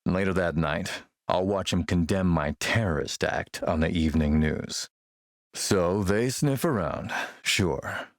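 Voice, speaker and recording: Kurt Hansen, low-voiced menacing warlord. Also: male voice, no echo, studio quality. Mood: measured, businesslike. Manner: measured, suave, commanding, quietly threatening. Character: smooth, menacing military warlord and arms dealer. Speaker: villain character in an action role-playing game. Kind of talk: acted video game dialogue.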